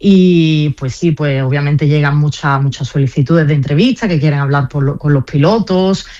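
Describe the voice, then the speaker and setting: Giving a radio interview as a team press officer, a young woman from Spain talks chattily, restarting often and using lots of fillers. Her accent is slightly Andalusian with an Italian tinge, and her low, mellow voice moves at normal speed, though the recording cuts off the highs.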